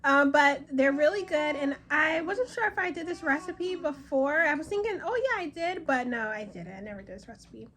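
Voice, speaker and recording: High-voiced mom vlogging in her kitchen. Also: animated, moderate pace, few pauses, a bit bright. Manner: chatty, guides a child through baking. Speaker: vlogger and mother. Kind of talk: casual vlog chat. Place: home kitchen.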